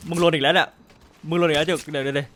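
A man streaming a game live, trash-talking his friends and firing off the same words again and again in quick bursts. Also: on the high side, a little hiss or hum. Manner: rapid excited trash talk with friends; repeats words in fast bursts. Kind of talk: live gameplay commentary.

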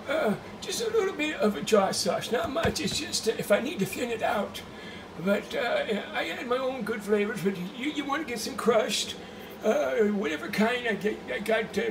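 A man's voice: very high voice, recorded from a distance, background noise, heavily acted. A middle-aged man playing a silly, distracted old grandpa who cooks in his home kitchen and keeps stumbling over his words. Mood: goofy. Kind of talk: comedic cooking vlog. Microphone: handheld phone camera.

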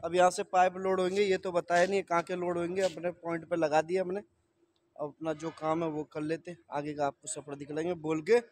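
A truck driver in his thirties holds a phone camera at arm's length and chats casually with viewers on the road, calling them "brother" and "friends." His voice is a little high, brisk, with little pitch movement. It's a travel vlog recorded noisily outdoors beside trucks on roads and at highway stops.

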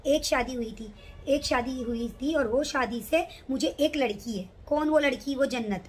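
A woman's voice: high voice, unhurried, a little hiss or hum. A middle-aged woman vlogger telling an agitated personal story to the camera. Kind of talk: emotional personal account to camera.

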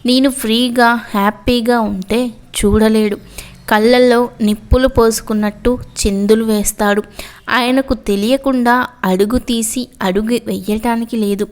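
A woman's voice: on the high side, steady tone, normal speed, natural voice. A woman voicing an upset young female college student who talks in a tearful, complaining way, in a storybook reading. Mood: resentful complaint.

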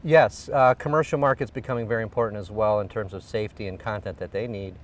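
A man's voice: lowish voice, fairly even intonation, fast talker, distant mic. A middle-aged man, an engineering executive, explaining a product in an outdoor on-camera interview with frequent fillers. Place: outdoors beside a car. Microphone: lapel.

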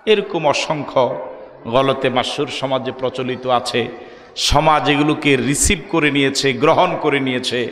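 A man's voice: medium pitch, fairly even intonation, a little slow, fairly bright tone, in a large hall. A man with a Bangladeshi Bengali accent preaching a sermon, calling out questions to the crowd and joking between points. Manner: calls out questions to the crowd, jokes, chanted Arabic verses.

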